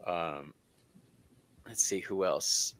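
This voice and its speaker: A man's voice: low-pitched, drawn-out words. A man hosting a casual tarot reading stream, bantering in a giggly, self-mocking way. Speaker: tarot reader and stream host.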